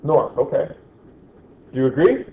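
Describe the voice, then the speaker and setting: This is a man with a higher, creaky voice who sounds very animated yet keeps a measured pace. Teaching a class, he cracks jokes and repeatedly asks "right?" to check in. It's captured as a dull, echoey lo-fi classroom recording.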